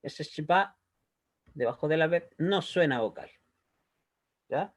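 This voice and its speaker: A man teaching a language lesson at a slow, unhurried pace. His voice sits a little higher than most men's. He explains patiently and keeps checking that his students are following. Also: expressive. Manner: patient, checks understanding with a frequent "¿ya?". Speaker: Hebrew teacher.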